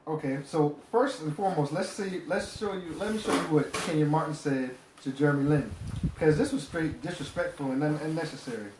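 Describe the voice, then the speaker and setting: A man's voice: fairly high pitch, a little fast, background noise. A man co-hosting a casual basketball talk show, playful and fond of repeating phrases for emphasis. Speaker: co-host. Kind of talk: casual sports chat. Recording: echoey room, mic set back.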